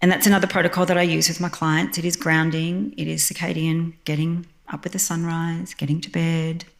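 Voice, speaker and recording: A woman's voice: sits low, level tone, a little fast, gravelly. A woman, a psychotherapist giving a earnest, heartfelt live presentation at a venue and repeating phrases for emphasis. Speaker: psychotherapist presenting at a health summit.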